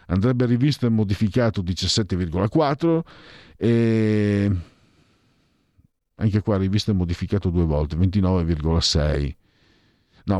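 A man casually reading out opinion poll figures in a brisk run, adding wry side remarks. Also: fairly low pitch, a little mellow, no room sound. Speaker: commentator reading out opinion polls.

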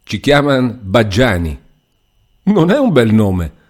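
A man's voice: medium pitch, very animated, takes it slowly, pitched above the performer's own voice. A man voicing a chatty, good-natured cousin. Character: warm-hearted talkative male cousin, a mill foreman. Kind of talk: audiobook character voice.

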